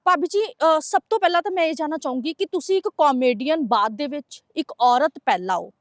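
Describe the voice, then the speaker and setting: Woman, interviewer, high voice, earnest and probing, dry room. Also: lively intonation, fast, dry recording. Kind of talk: interview questions and intro.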